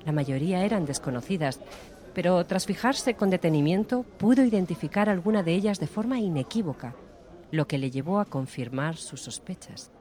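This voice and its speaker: A man narrating an audiobook in a steady, measured storytelling voice. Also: sits high. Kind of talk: scripted narration.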